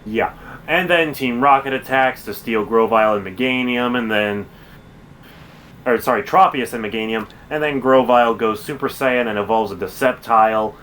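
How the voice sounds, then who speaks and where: A man's voice: medium pitch, normal speed, fairly bright tone, a little hiss or hum. A man streaming a game, chatting casually and rambling with lots of fillers and self-corrections. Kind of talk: casual chat while gaming.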